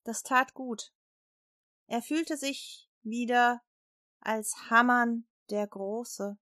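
A woman telling a Bible story to children and closing with a prayer, speaking gently and addressing her listeners directly. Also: fairly high pitch, very slow, no echo, clean studio sound.

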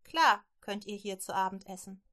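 A woman voicing a bold, quick-witted woman innkeeper in a children's Bible story, brisk and lively. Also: mid-range voice, natural voice. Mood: urgent.

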